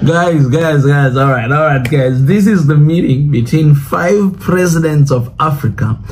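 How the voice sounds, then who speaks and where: A Swahili-speaking man from Tanzania hosts a reaction video, commenting casually on news clips in a loose, rambling way and often saying "you know what I'm saying". His voice is a little high and slightly mellow, his pace unhurried, with slight background noise.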